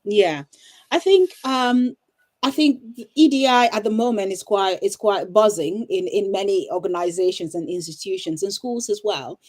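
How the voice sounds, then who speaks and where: A middle-aged woman from Cameroon, a teacher and coach, answering interview questions thoughtfully with frequent pauses and restarts over a video call. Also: medium pitch, darkish tone.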